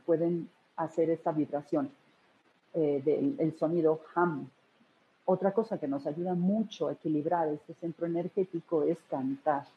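A woman giving a spiritual wellness lesson, explaining things and speaking directly to her listeners. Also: low voice. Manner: warm-hearted, explanatory, addresses listeners directly. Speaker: energy healing teacher. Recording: tinny phone-like line with faint hiss.

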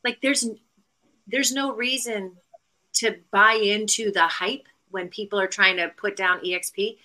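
A middle-aged woman talks as a guest on a podcast interview. Her voice is bright and forward, with a middle pitch. She is chatty and rambles through stories with frequent fillers and restarts. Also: steady tone, unhurried, rough recording. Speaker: guest real estate agent.

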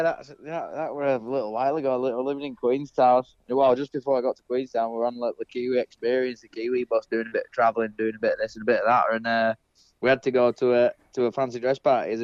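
A man's voice: medium pitch, flat delivery, quick pace, no room sound. A man telling yarns casually in a rambling, self-deprecating way, swearing freely. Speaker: guest telling stories. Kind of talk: casual storytelling banter. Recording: dull, band-limited sound.

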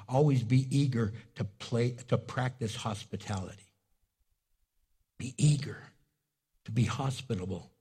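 Delivering a sermon as a story, a husky-voiced male pastor, originally a Spanish speaker, leaps into loud, high-pitched bursts when acting out a scene, then settles back down.

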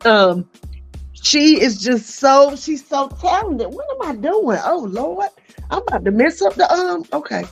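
A middle-aged woman hosting a podcast, chatting in a lively, expressive way and often laughing and exclaiming. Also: high-pitched, a little slow, vocal fry, faint music behind. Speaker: podcast host. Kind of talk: casual chat.

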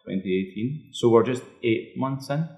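A man's voice: medium pitch, moderate pace, darkish tone. A man with a thick Scottish accent answering interview questions conversationally as a bar owner. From Scotland.

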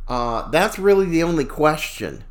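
A man's voice: fairly high pitch, sing-song, normal speed. A man hosting a talk show with casual, folksy, opinionated and slangy political commentary.

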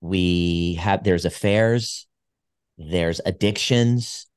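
A man in his forties speaks with a very low voice, thoughtful and earnest as he works through his ideas. The sound is dry and close, with no room around it. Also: very slow, clear, resonant tone, no room sound. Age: 40s. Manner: reflective, earnest, with frequent restarts. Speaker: podcast guest, chiropractor. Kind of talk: casual conversation.

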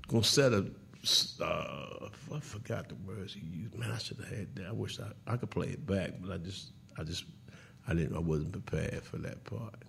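Gravelly-voiced man hosting a sports talk show. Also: deep voice, slight background noise. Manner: animated, laughing, teasing rival fans; repeats words and restarts often. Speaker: host.

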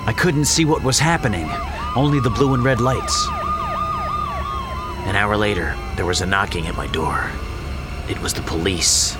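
A man narrating a horror story in a low, hushed, suspenseful way. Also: huge pitch swings, normal speed, long pauses, over loud music. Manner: low, hushed and suspenseful, jumping higher in dialogue.

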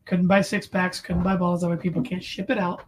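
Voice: medium pitch, level tone, a little fast, slight background noise. A podcast co-host chatting casually over beers, rambling through anecdotes and correcting themselves as they go.

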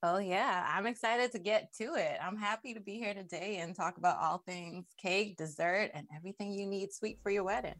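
A woman's voice: medium pitch, brisk, hardly any pauses, fairly bright tone, no room sound. A woman from the Bahamas, a wedding cake designer, chatting upbeat as a podcast guest. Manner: upbeat, chatty, frequent laughs and "like".

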